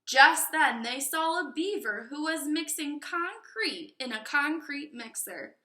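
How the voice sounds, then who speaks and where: A woman with a high, bright voice narrates a children's storybook in an echoey room. Her reading is expressive and deliberate, leaning on key words. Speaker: storybook reader.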